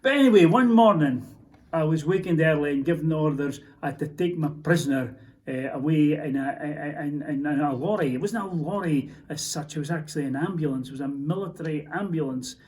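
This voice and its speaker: A man with a Scottish accent playing a haunted soldier in a theatrical monologue, telling his story in a halting, stammering, emotional way. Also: fairly high pitch, a little mellow, close to an everyday voice. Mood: tense. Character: Scottish soldier recounting a prisoner's execution, haunted. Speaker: stage actor. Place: theatre stage.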